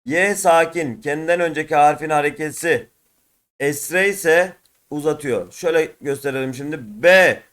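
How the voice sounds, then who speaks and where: A man who speaks Turkish natively, teaching an Arabic lesson and drilling letter sounds in loud repeated pairs. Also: fairly high pitch, normal speed. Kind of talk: classroom lesson.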